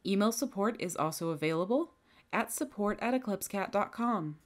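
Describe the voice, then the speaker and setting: Speaking briskly at a medium pitch, a woman narrates a scripted screen-recording tutorial as a software trainer, her step-by-step directions calm and methodical.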